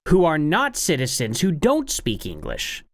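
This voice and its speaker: A man's voice: on the high side, wildly swooping pitch, measured pace, no room sound, clean studio sound. A man pressing a stranger with pointed questions in a casual debate over a video call. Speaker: online troll host.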